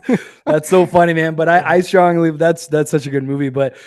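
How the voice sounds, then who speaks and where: A man in his late thirties co-hosts a casual podcast, his voice sitting a bit high for a man. He talks with slangy, upbeat enthusiasm. The close mic sounds dry, with no room around it. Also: fairly even intonation, a little fast, a little mellow, no room sound. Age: 30s. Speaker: podcast co-host. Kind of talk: casual chat.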